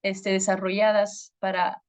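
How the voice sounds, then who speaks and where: Giving a talk for a women's ministry, this woman in her thirties is a pastor from Peru whose Peruvian Spanish accent shows a touch of French. She speaks in a mid-range voice with little pitch movement, frequently stopping with fillers to find the right words.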